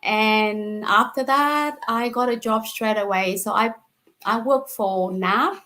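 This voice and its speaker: A woman in her forties, born in Vietnam with Vietnamese as her first language, talks as an interview guest, unhurried and simple, with fillers and soft laughs. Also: a little high. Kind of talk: casual interview.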